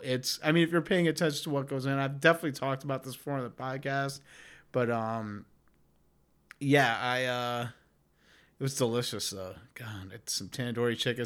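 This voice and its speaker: A man in his forties hosts a comedy podcast, rambling casually and profanely. His voice is mid-range with a fairly bright tone.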